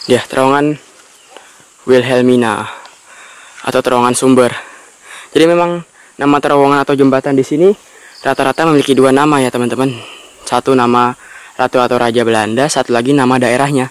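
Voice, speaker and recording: A man's voice: mid-range voice, steady tone, fairly quick, long pauses, smooth, dry recording. A man hosts an on-location travel vlog, explaining things and repeating facts for emphasis. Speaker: vlog host. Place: outdoors by a railway tunnel mouth in forested hills.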